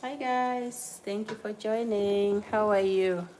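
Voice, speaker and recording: A woman's voice: medium pitch, fairly even intonation, slow, darkish tone, a little hiss or hum, poor audio. A woman from Cameroon hosting a casual cooking livestream from her home kitchen, chatting with viewers and apologizing as she juggles tasks. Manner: chatty, greets viewers by name, apologetic while multitasking. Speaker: livestream host.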